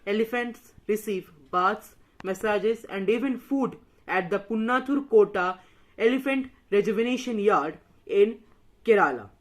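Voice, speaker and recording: A woman, a student presenter, reading a list of facts from a script in a steady, plain way. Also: mid-range voice, a little slow.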